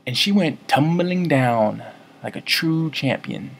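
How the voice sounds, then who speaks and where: Rambling deadpan comic vlogger man. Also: on the high side, takes it slowly, creaky, slightly rough. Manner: rambling, self-correcting, mock-serious. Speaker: comedy vlogger. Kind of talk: deadpan comic storytelling to camera.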